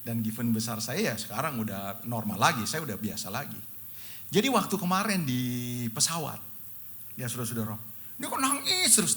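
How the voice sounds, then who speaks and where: A man's voice: mid-range voice, sharp tone. A middle-aged male pastor preaching an emotional, storytelling sermon, often addressing the congregation directly. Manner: repeatedly addresses listeners as brothers and sisters.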